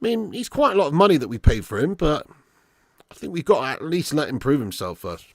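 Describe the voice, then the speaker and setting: A British man doing live football watch-along commentary and chatting casually with viewers in an animated, blokey, sweary, matey way. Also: fairly high pitch, brisk, no room sound. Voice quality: raspy, smoker's laugh.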